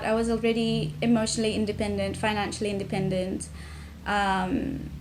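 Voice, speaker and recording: A young woman from Tanzania, talking to camera about her family in a reflective way, with many pauses and restarts. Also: fairly high pitch, a little mellow, slight background noise. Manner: reflective, frequent ums and restarts. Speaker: vlogger. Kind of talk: personal talk to camera.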